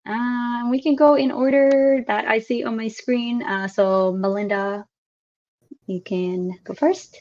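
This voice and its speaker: A woman's voice: fairly high pitch, steady tone, takes it slowly, darkish tone, lo-fi sound. Chatty woman teaching over a video call. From Finland. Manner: friendly, chatty, with frequent filler sounds. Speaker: instructor. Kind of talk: casual classroom introduction over video call. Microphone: computer mic on a video call.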